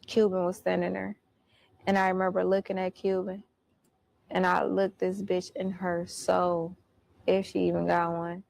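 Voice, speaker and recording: A woman's voice: lowish voice, monotone, unhurried, vocal fry, darkish tone, dry recording. A woman telling a personal story in casual, blunt, profane street slang. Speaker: storyteller recounting her experience.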